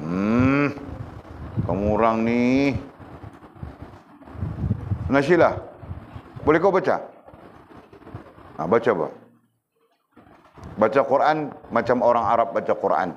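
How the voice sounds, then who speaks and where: A man leads a religious class, prodding his students sternly and questioning them. His voice sits at a middling pitch. The recording is dull and lo-fi, with faint room hiss. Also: lively intonation, slow pace, long pauses. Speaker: religious teacher.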